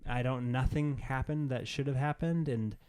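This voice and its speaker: This male podcast co-host rambles through casual talk about games and pop culture, dropping "like" into his sentences a lot. His mid-range voice is steady, clean and a little mellow, moving at a normal speed.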